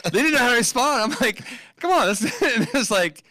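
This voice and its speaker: A man co-hosting a live show, telling stories in a casual, profane, animated way. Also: very high voice, fast, no room sound, clean studio sound. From West Virginia. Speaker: co-host. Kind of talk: casual chat.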